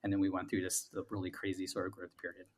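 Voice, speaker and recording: A man appears as an interview guest, a founder laying out his thinking in a halting, conversational manner full of repeated words. His voice is low-pitched and husky, and his delivery is completely flat.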